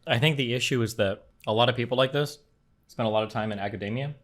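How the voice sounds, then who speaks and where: A man hosts a relaxed debate stream, his voice sitting at a middling pitch. He teases and pokes at his guest, blunt and sarcastic throughout. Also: fast talker. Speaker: streamer host. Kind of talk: casual debate chat.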